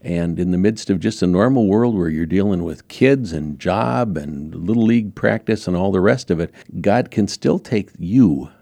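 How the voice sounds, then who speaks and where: A man, a pastor, talks with folksy, emphatic fervor in a deep, gravelly voice. The recording is dry and close, with no room sound around him. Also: moderate pace, hardly any pauses, dark tone, no echo. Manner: folksy, emphatic, builds to rousing exhortation. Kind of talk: podcast conversation with preaching fervor.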